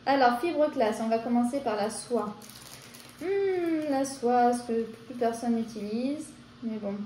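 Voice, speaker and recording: A woman with a French accent, a nail technician reading English exam steps haltingly and chatting casually as she works. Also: a little high, animated, warm tone, slight background noise. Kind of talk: casual tutorial while working. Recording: echoey room with faint ambience.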